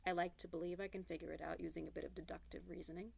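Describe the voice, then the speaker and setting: A woman voicing a shy but self-assured nerdy teenage boy in a read-aloud novel, speaking in a calm, measured way. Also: on the low side, creaky, husky, pitched below the performer's own voice, exaggerated voice. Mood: confident.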